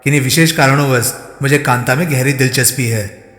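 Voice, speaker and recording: A man reading the part of a bold, steady-voiced reporter in an audiobook. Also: medium pitch, brisk, close to an everyday voice. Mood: confident. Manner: steady, confident. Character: bold, smooth-talking male reporter. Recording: roomy echo, long reverb.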